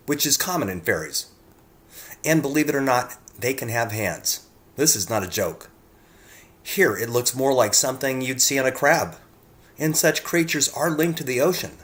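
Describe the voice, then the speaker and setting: A man of medium pitch reads prepared narration about his own photographs, speaking earnestly to the viewer. His delivery is expressive and moderately paced, with a fairly bright tone.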